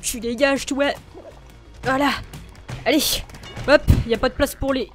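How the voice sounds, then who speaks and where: A woman's voice: high-pitched, fairly even intonation, moderate pace. A woman streaming a video game, chatting casually, playful and rowdy, laughing and trash-talking her co-player. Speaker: gaming YouTuber. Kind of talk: casual let's play chat. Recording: game music in the background.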